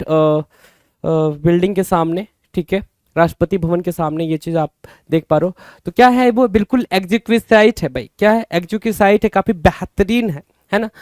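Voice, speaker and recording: A man leads a vocabulary lesson for exam takers. His voice sits high for a man and sounds smooth and clear. He keeps checking in with rhetorical questions and repeats every word. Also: darkish tone, dry recording. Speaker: vocabulary teacher.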